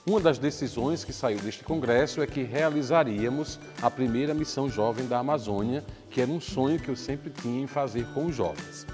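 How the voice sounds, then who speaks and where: A middle-aged priest tells a story from his ministry in a measured, formal manner, at a plain middle pitch. Clear background music runs under his voice. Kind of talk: narrated storytelling.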